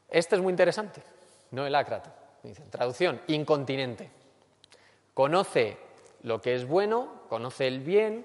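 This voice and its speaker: A man with a Spain Spanish accent giving a lecture and acting out everyday complaints in a lively way. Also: medium pitch. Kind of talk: lecture on character education. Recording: long hall reverb.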